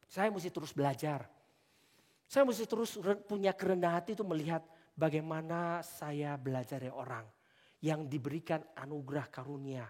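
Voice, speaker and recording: A middle-aged male pastor preaching a sermon, telling stories in an animated way that swings between loud emphasis and quiet asides. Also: on the high side, moderate pace, long pauses. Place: church sanctuary. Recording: long church hall reverb.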